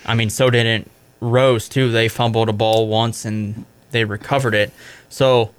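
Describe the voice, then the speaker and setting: A young man hosting a college radio sports show, giving a casual recap full of "I mean" and quick self-corrections. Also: fairly low pitch, flat delivery, clean tone.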